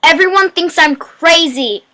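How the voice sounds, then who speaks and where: A woman playing a high-strung, indignant, put-upon male servant in a broad stage comedy. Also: unhurried, bright, forceful tone, heavily acted. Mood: frantic, indignant. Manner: exclamatory, indignant.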